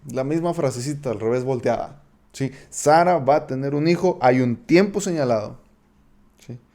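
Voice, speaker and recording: Mellow Mexican man teaching the Bible. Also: mid-range voice. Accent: Mexican Spanish. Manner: conversational, checks in with frequent tag questions; halting, with repeated restarts. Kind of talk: casual Bible study talk.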